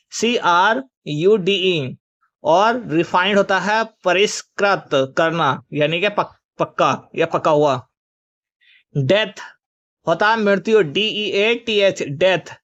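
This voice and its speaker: Addressing his exam students as children, a male teacher works through vocabulary by spelling out every word letter by letter before explaining its meaning and opposite. He has a high, somewhat bright voice, and the audio is dull.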